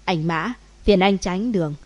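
A woman's voice: fairly low pitch, unhurried, a little mellow, no room sound. A woman voicing a tense young heroine who speaks stiffly and politely in an audiobook.

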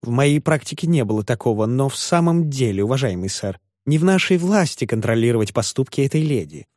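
A man's voice: mid-range voice, expressive, a little fast, a little mellow, no echo, clean studio sound, lightly acted. A man voicing a small, fussy lawyer who keeps pleading and placating. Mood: hushed. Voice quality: fussy, imploring. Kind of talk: audiobook character voice.

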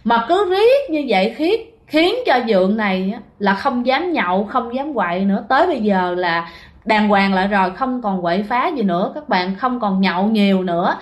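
A woman's voice: mid-range voice, lively intonation, moderate pace. Chatty woman telling ghost stories. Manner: chatty, addresses listeners directly. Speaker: storyteller. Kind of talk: casual ghost story narration.

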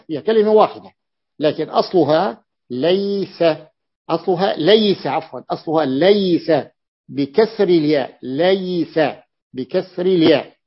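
A man teaching a classical grammar lesson as a sheikh, deliberate and repeating key words, with an "ah" between points. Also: sits high. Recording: muffled lo-fi recording.

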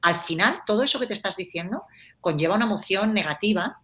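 A woman's voice: mid-range voice, quick pace. A woman, a life coach explaining ideas in a casual conversational way and acting out example phrases. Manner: animated, acts out example phrases.

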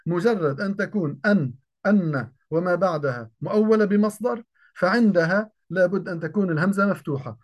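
A man with a voice that sits high teaches Arabic grammar, posing questions to the class and then answering them himself. He slows down to repeat example sentences and key phrases, and everyday dialect words slip into his formal speech.

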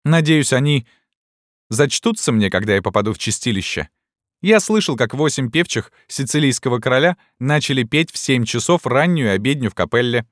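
A man's voice: mid-range voice, lively intonation, fairly quick, no echo, clean studio sound, voice pushed up, close to an everyday voice. A man voicing a cheeky young male student who taunts the crowd in a raised, mocking voice. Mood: jaunty. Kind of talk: audiobook character voice.

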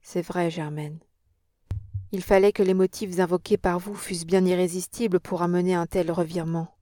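A woman's voice: on the low side, fairly even intonation, moderate pace, mellow, no echo, studio quality, close to an everyday voice. A woman reading an audiobook and voicing an anxious young male painter in a pleading, alarmed manner.

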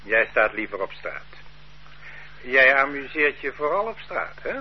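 In a radio drama, a male actor plays a stern interrogating official, cold and accusing, with a menacing mood. His medium-pitched voice is very animated yet a little slow, his manner curt and bullying. The lo-fi radio play recording sounds dull, with slight background noise.

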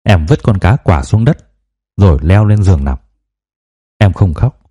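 A man's voice: low voice, expressive, measured pace, dark tone, slightly rough. A man narrating a first-person novel as an audiobook, in a confiding, reflective manner.

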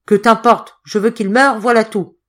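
A woman's voice: a little high, very animated, normal speed, pitched above the performer's own voice. A woman reading a storybook and voicing a cruel, scheming male innkeeper in a raised, harsh, commanding tone. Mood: furious.

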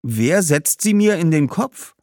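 An earnest young boy in a read-aloud storybook, as a man puts him on, asking questions with a thoughtful, serious air. His raised voice moves in lively swings and sounds close and dry. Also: a little high, measured pace, no echo, pitched above the performer's own voice.

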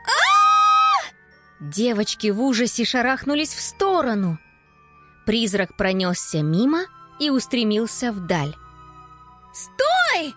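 A woman narrating a children's audiobook in an expressive storytelling manner. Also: medium pitch, a little slow, soft background music.

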